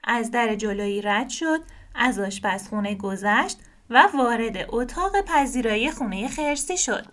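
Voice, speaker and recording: A woman reading a children's storybook aloud in a gentle, expressive way. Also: fairly high pitch.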